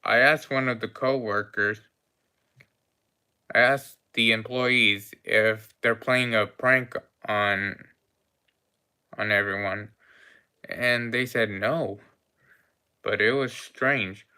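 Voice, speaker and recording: A man's voice: on the low side, steady tone, slow pace, long pauses, bright, forceful tone, smooth, full character voice. A man voicing a polite, fussy cafe owner in a tabletop game, telling a long-winded story with gasps and exclamations. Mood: flustered. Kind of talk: role-play voice in a tabletop game.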